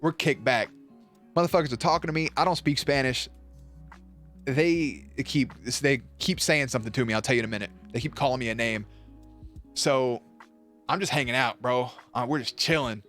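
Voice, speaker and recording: A man's voice: medium pitch, normal speed, soft background music. A young man streaming, telling a rambling story in a loose, profane way and acting out quotes. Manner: loose, profane, animated retelling with acted quotes. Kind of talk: casual storytelling.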